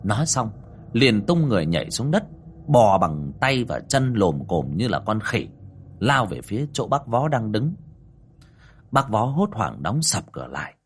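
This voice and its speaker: A man's voice: on the low side, sing-song, unhurried, slight background noise. A man narrating a ghost story expressively.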